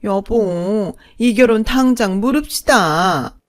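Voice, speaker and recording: A woman's voice: on the high side, expressive, normal speed, darkish tone, pitched above the performer's own voice, close to an everyday voice. A woman voicing a greedy, snobbish middle-aged mistress who mocks and looks down on others, in a storybook narration. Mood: indignant. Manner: haughty, mocking.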